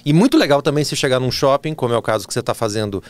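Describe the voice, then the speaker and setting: A man hosting an interview, firing off teasing quick questions and laughing often. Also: mid-range voice, expressive, dry recording. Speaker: interview host, radio presenter. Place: bookstore in a shopping mall.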